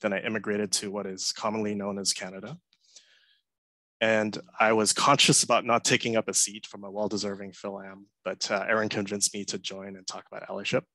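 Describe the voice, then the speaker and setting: Flat-voiced man giving an earnest talk. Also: on the low side, no echo, poor audio. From Hong Kong. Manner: earnest, measured, frequent uh fillers. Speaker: conference speaker. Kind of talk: prepared talk. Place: home room, indoors. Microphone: headset mic on a video call.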